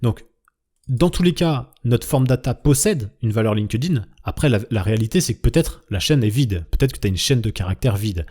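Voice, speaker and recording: A man's voice: medium pitch, animated, moderate pace, dark tone, slightly rough. A man teaching a coding tutorial over his screen, explaining step by step, checking in with the viewer and thinking aloud as he types. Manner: explains step by step, often asks "d'accord?"; thinks aloud while typing, trailing off. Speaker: coding instructor.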